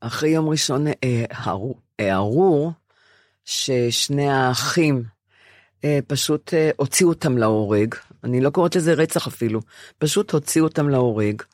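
An older Israeli woman co-hosting a podcast, speaking haltingly with many restarts and deep emotion. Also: expressive, darkish tone, no echo, clean studio sound. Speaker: podcast co-host. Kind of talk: casual conversation.

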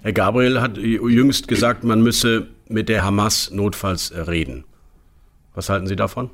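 A man's voice: lowish voice, steady tone, unhurried. A male interviewer posing probing, conversational questions to a politician.

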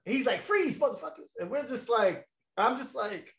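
A man's voice: very high-pitched, normal speed, a bit bright. A young man telling a long story in a casual chat, laid-back and slangy, with lots of fillers and laughs. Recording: echoey room.

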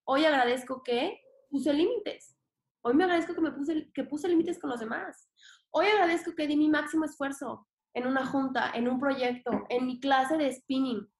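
Mexican woman guest on a podcast, high voice, emphatic and slangy, roomy echo. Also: moderate pace. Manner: emphatic, expressive, casual swearing and slang. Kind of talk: casual interview talk.

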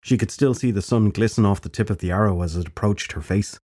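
A man narrating an audiobook fantasy story in a measured storytelling manner. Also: fairly low pitch, darkish tone.

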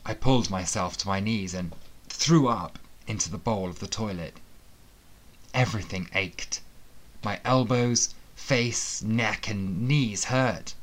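Guy narrating a dark fantasy audiobook, lowish voice, steady and dramatic. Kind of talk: first-person scripted narration.

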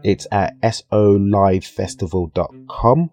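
A playful man hosting a podcast, chatting casually with his guest. His voice sits fairly low, with a mellow, relaxed tone. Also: unhurried. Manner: playful, laughs and jokes with guest. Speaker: podcast host. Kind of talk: casual interview chat.

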